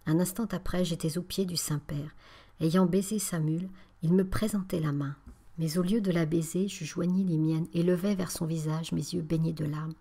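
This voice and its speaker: Woman, audiobook narrator, slightly low voice, calm, measured, soft, breathy reading.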